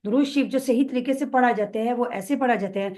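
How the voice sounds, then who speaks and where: Woman w/ pakistani urdu accent, slightly high voice, explains then recites slow n stretched out. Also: a little mellow. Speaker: teacher of prayer recitation. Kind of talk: recitation lesson.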